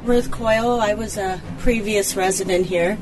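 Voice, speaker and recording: Female interviewee, personal testimony, halting and plain-spoken, prominent music bed. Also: mid-range voice, steady tone, poor audio. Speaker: former shelter resident, interviewee.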